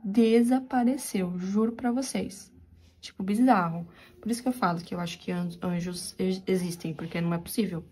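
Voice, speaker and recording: Mellow-voiced Brazilian woman telling a story. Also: mid-range voice, normal speed, breathy edge. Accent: São Paulo interior Brazilian Portuguese. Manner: animated, confiding storyteller who addresses viewers directly. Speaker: crochet channel host. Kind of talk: storytelling while crocheting.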